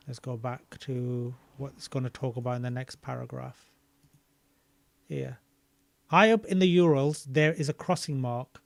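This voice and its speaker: A man casually reading a book aloud and commenting on it, thinking out loud as he looks things up. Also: mid-range voice, vocal fry, no echo. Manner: thinking aloud while searching maps and videos, loose and chatty.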